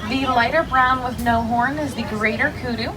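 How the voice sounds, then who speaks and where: A woman's voice: fairly high pitch, normal speed, a loud crowd. A woman working as a safari guide, giving instructive tour commentary to riders on a truck. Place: open safari truck outdoors. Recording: distant, loud truck engine noise. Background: vehicle noise.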